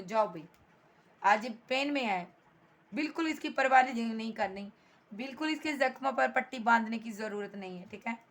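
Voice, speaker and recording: A woman's voice: on the high side, fairly bright tone. A woman giving a tarot reading to her viewers, blunt and emphatic, scolding the absent partner and calling the listener "bhai" and "darling". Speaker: tarot reader.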